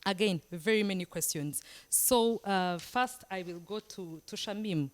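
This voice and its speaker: A woman's voice: mid-range voice, unhurried. A woman hosting and moderating a webinar, speaking directly to the audience in an encouraging way before passing questions to a guest. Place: video call.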